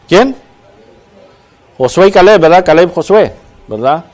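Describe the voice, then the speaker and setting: A man's voice: high-pitched, animated, a little slow, darkish tone. A man preaching a sermon, often putting questions to the congregation and adding "¿verdad?". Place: church.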